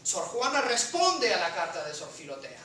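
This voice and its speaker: In a distant, echoey classroom recording with a touch of hiss or hum, a woman teacher questions her students while lecturing, frequently adding "right?", reading aloud and switching to English. Her fairly low voice is sing-song and sharp, at a moderate pace.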